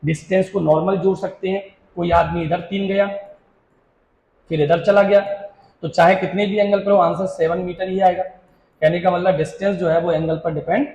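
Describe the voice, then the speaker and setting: High-voiced male physics teacher, echoey room. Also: level tone, darkish tone. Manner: repeats definitions slowly, quizzes the class; mixes Hindi with English terms. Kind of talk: classroom lecture.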